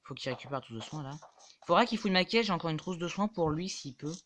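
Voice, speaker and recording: A man giving live gameplay commentary, excitable and swearing, yelping and shouting when in danger. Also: fairly high pitch, fast, a little hiss or hum. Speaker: gaming YouTuber.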